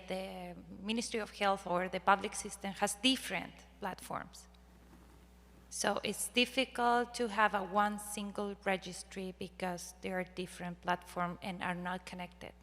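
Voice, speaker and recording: A woman's voice: mid-range voice, fairly bright tone. A woman from Chile, asking a panel a question and searching for words. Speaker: audience member asking a question. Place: conference hall. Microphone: handheld microphone. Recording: reverberant conference hall.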